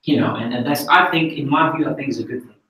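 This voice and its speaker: A man's voice: mid-range voice, fast talker, dull audio. A man in an informal group discussion, talking in an agreeable, conversational manner. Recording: very echoey room, distant mic.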